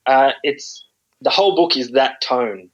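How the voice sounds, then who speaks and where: A man's voice: mid-range voice, a little slow, muffled recording. A man talking casually on a podcast, sarcastic and rambling, with frequent ums. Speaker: podcast guest.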